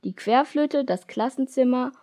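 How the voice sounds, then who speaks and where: A woman's voice: high-pitched, a little slow. Woman reading her own children's story. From Germany. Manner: lively storytelling, switches into character voices.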